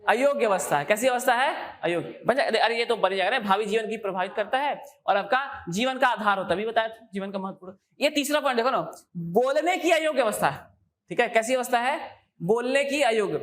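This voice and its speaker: Female coaching-class teacher with a higher pitch, keeps asking students questions back. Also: expressive, a little fast. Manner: repeats key terms, quizzes students with questions. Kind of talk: exam coaching lecture.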